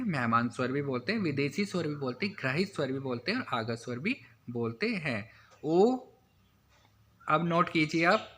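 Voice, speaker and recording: A man teaching an exam-prep grammar lesson, dictating notes slowly and repeating each point. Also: fairly high pitch, pushed and bright. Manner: slow and repetitive, dictating each point twice.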